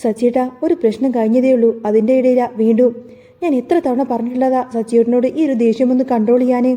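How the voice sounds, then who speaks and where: A woman's voice: on the high side, flat delivery, fast talker, dark tone, in a large hall, lightly acted. A woman voicing a worried but determined young wife in a storybook narration, pleading and scolding.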